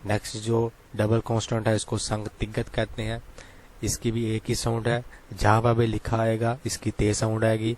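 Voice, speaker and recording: A man's voice: fairly low pitch, monotone, darkish tone. A man teaching Korean letters step by step, patiently repeating points and asking the listener questions. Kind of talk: explaining lesson.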